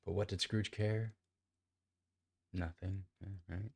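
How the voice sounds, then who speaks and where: A man's voice: sits low, little pitch movement, takes it slowly, creaky, a little mellow, husky, no echo. A man reading a classic novel aloud, often stumbling, restarting lines and commenting on his own reading. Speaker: amateur reader.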